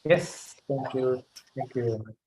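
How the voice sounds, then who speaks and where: A man moderating a question session, polite and halting. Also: mid-range voice, a little mellow, low-quality recording.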